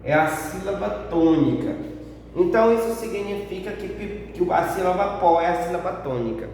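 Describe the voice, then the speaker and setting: A man's voice: sits high, expressive, darkish tone, distant mic, slight background noise. Brazilian male teacher in an echoey room. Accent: Brazilian Portuguese. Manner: slow, drawn-out syllables for examples; asks and answers a pupil's question himself. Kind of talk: recorded grammar review lesson.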